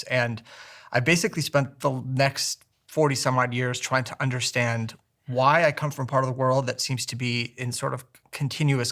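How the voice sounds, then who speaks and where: A man in his forties speaks as an interview guest with a mid-range voice. He recounts his background reflectively, pausing to rephrase as he goes. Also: mid-range voice, gravelly, fairly bright tone. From United States. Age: 40s. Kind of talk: personal storytelling in interview.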